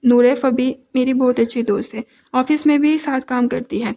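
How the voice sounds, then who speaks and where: A woman's voice: high-pitched, fairly even intonation, dark tone. A woman voicing a young husband who coaxes and placates his wife, in an audio novel reading. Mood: coaxing. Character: young man, patient husband, gently teasing.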